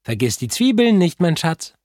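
A woman's voice: on the low side, sing-song, moderate pace, darkish tone, dry recording, studio quality, voice pushed up. A man voicing a cheerful mother in a children's audiobook, in a fluting, sing-song voice.

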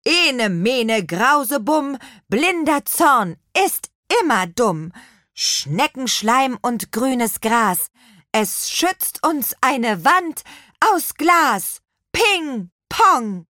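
A kindly witch soothes and chants rhyming spells in a lifted, lively voice, as a woman reading a storybook puts her on. Her tone is caring and playful. The recording is close and dry. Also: on the high side, slow, breathy edge, no room sound, voice pushed up, exaggerated voice. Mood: spell-casting.

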